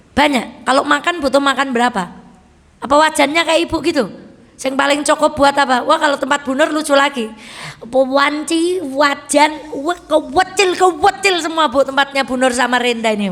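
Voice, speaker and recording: A woman religious teacher with a Javanese accent, telling stories and asking her audience questions in a lively study talk. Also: a little high, in a large hall. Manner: animated storytelling, asks the audience questions.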